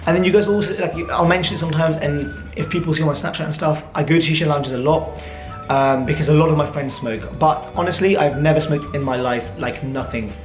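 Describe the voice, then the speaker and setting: In an echoey room with faint music behind, a young adult man speaks quickly in a fairly high voice. He has a British accent, grew up in the UK with his teenage years in Dubai, and chats casually to camera as he answers viewer questions in a vlog.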